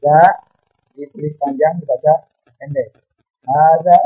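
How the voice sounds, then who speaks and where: Guy teaching arabic, slow and patient, kinda husky, dull lo-fi sound. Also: fairly high pitch. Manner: slow, patient, repeats words and meanings. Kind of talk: online class lesson, calling on students.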